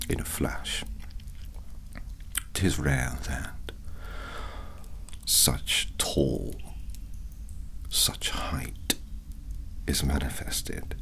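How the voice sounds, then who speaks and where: A dying medieval king speaks in whispered role-play with an English accent. His voice is extremely low and full of creak, half lost in breath. He is haughty and menacing, placing archaic words in halting, deliberate phrases. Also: fairly bright tone, exaggerated voice.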